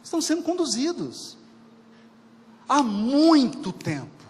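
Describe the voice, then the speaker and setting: A man's voice: very high voice, huge pitch swings, takes it slowly, darkish tone. A man giving a spiritist lecture to an audience, talking colloquially, repeating phrases for emphasis and putting questions to his listeners. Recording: reverberant lecture hall.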